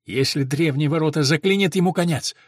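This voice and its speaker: A man reading a dark story aloud as a narrator, in a tense, dramatic way. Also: fairly high pitch, brisk, no room sound, clean studio sound. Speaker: audiobook narrator. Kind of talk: scripted narration.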